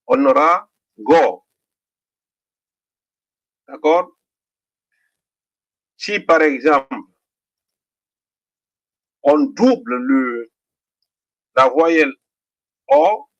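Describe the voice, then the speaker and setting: A middle-aged man with a Guinean French accent teaching a literacy lesson, slowly sounding out syllables and often checking in with the class. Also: on the high side, vocal fry, fairly bright tone, lo-fi sound. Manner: slow, deliberate, repeats each sound; checks in with "d'accord?".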